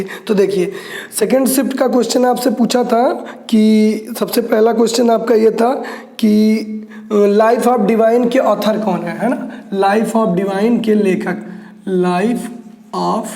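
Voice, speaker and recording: Guy tutoring for exams, chatty, spells answers out slow, mellow voice, roomy echo. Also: sits high. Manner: chatty, repeats answers slowly while writing. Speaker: exam coaching teacher. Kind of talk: casual exam-prep lesson.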